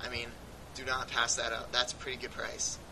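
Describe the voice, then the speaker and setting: A man chats casually as co-host of a fan podcast. He laughs often and trails off mid-thought before starting again. His home recording carries a steady hiss and a low rumble. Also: a little fast.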